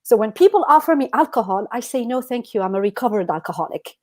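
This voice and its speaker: A woman co-hosting a podcast shares personal stories casually and emphatically, peppering them with "you know." She's animated and talks fast, with a fairly high pitch and a darkish tone.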